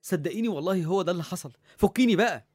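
A man's voice: sits high, lively intonation, very fast, no echo, clean studio sound. A man with an Egyptian accent playing a young captive, blustering and stammering when afraid. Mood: defiant. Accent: Egyptian Arabic. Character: young man captive on an island of women, defiant.

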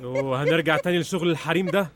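Radio drama role: man playing impatient Egyptian police investigator, very fast delivery, slightly high voice, sarcastic, intimidating. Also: natural voice. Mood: sardonic questioning.

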